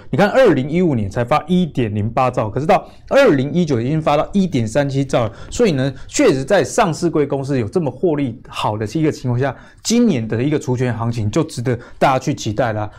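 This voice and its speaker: A man's voice: mid-range voice, darkish tone. A man with a Taiwanese accent, presenting a finance show in a conversational way as its host.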